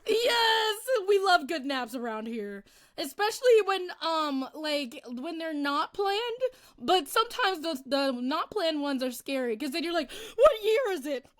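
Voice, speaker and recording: A woman's voice: high-pitched, very animated, a little slow, no room sound, clean studio sound. A woman hosting an interview show, bubbly and gushing, giggling often. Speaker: podcast host. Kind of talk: casual interview chat.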